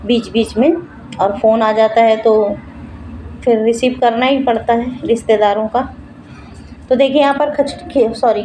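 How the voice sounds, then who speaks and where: A woman's voice: on the high side, warm tone, a little hiss or hum, poor audio. A middle-aged woman and mother narrating her home routine and cooking in a chatty, homely running commentary for her vlog, recorded at home in her kitchen.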